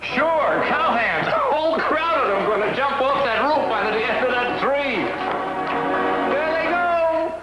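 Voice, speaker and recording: A friendly Old West town drunk with a fairly high, lively voice. He talks in a folksy, ungrammatical way, as in a western comedy. The sound is roomy, with music behind. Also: normal speed, dull audio. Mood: excited. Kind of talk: western screen comedy acting.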